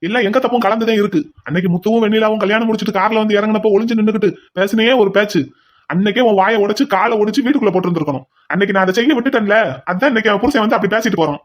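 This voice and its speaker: A man's voice: high-pitched, rapid-fire, natural voice. A man voicing a blunt grown son in a cartoon who scolds his younger brother. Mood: scolding. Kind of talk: cartoon voice acting.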